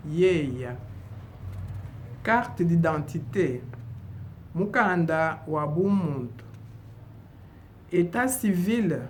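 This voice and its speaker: A woman from DR Congo teaching a bilingual vocabulary lesson, saying each phrase slowly and deliberately and repeating it. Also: fairly low pitch, slight background noise. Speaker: language teacher.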